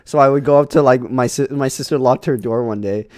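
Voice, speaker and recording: A man's voice: medium pitch, fairly quick. A young man, a podcast co-host, chatting casually and acting out the voices in his stories. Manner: animated storyteller, acts out quotes. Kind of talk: casual chat.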